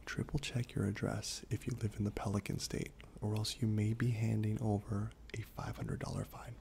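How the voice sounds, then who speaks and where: A man with a lowish, gravelly voice speaks very softly, often slipping into a breathy whisper. He reads aloud in a gentle, unhurried ASMR style, with faint hiss and noise around his voice. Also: level tone. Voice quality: soft, breathy half-whisper. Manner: gentle, unhurried delivery with gum chewing. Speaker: ASMR host. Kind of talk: soft-spoken ASMR, reading trivia aloud with asides.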